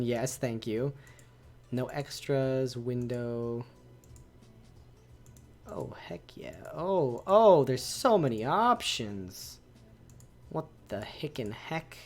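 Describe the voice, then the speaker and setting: A male streamer reading a visual novel aloud, reacting animatedly to its choices. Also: medium pitch.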